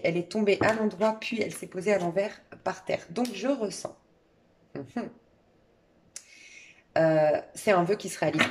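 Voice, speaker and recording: A middle-aged woman speaks softly and intimately as she gives a tarot and crystal reading, addressing the listener directly. Her voice sits a little low and sounds husky. She talks in a relaxed, meandering way, full of small fillers and restarts. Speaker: tarot reader.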